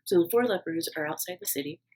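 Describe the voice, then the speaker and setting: A woman's voice: on the low side, animated, fast talker, darkish tone, slight background noise, low-quality recording. A woman retelling a Bible story in a casual, chatty way, with lots of fillers and asides to the viewer.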